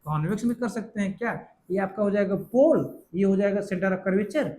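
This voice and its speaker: Guy teaching physics, reads definitions real slow so you can write them down, calls the kids pet names. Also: sits high, expressive, dark tone, a little hiss or hum. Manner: asks questions and answers them himself; calls students beta and affectionate nicknames. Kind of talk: recorded classroom lecture.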